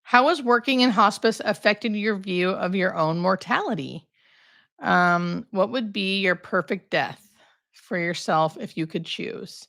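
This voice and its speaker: A woman's voice: mid-range voice, a little slow, vocal fry, a bit bright, no echo, clean studio sound. A woman talking candidly and conversationally as a hospice nurse hosting a casual livestream, thinking aloud as she answers questions.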